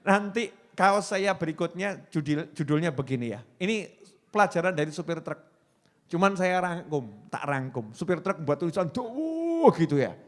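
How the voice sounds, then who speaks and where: A middle-aged man with a Javanese accent preaching a sermon, animated and jokey, acting out the people he quotes. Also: on the high side, normal speed, big-room sound.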